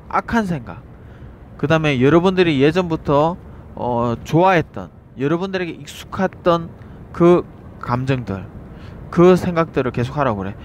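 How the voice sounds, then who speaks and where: A man preaches outdoors in a slightly raised voice, earnest and insistent, asking question after question. Faint traffic hums behind him. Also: on the high side. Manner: earnest, repetitive, with rhetorical questions and filler "eh?".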